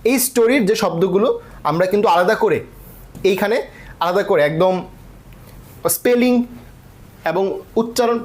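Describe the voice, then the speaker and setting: A man's voice: high voice, moderate pace, long pauses. Man teaching a vocabulary lesson. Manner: explanatory, often checks in with the class. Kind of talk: online classroom lesson.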